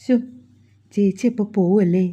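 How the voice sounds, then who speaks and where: A woman's voice: medium pitch, moderate pace, dark tone, natural voice. Woman reading as a cheerful teasing young man. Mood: teasing reassurance. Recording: dull lo-fi recording.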